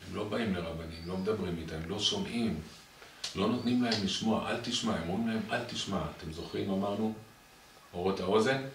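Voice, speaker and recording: A man teaching a Torah lesson as rabbi to a small group, animated and repetitive, often tossing questions back to his listeners. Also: sits low, vocal fry. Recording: echoey room, far from the mic, noisy.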